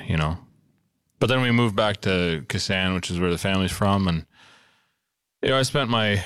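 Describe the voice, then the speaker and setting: A man's voice: low-pitched, a bit bright, dry recording, clean studio sound. A man in his thirties from Alaska, a podcast guest who talks in a loose, rambling way full of fillers. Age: 30s. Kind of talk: casual podcast conversation.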